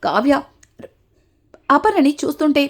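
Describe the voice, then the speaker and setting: A woman with a notably high voice tells a TV serial episode as a story. She moves steadily from one event to the next, tying them together with the same linking words again and again. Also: a little slow. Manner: steady retelling, links events with repeated connectives.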